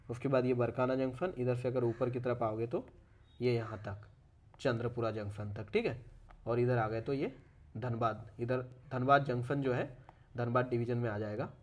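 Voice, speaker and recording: Casual man walking through a map. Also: medium pitch. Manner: keeps saying "okay" and corrects his own pronunciation; addresses viewers as "brother". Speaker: educational video creator.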